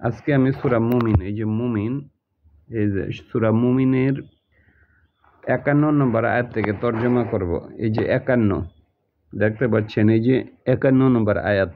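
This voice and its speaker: A man's voice: medium pitch, fairly even intonation, moderate pace, long pauses, a little hiss or hum. A man teaching Quran translation, explaining each word step by step and repeating it. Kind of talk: recorded lesson explaining Arabic word by word. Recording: tinny phone-like audio.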